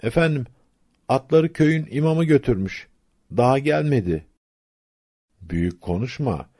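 A man's voice: medium pitch, animated, unhurried, mellow, pitched above the performer's own voice. A man doing a flustered old-time station keeper.

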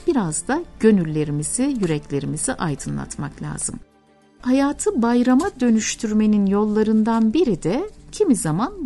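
A woman giving a calm, earnest, encouraging reflective talk and narrating a story. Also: mid-range voice, gravelly.

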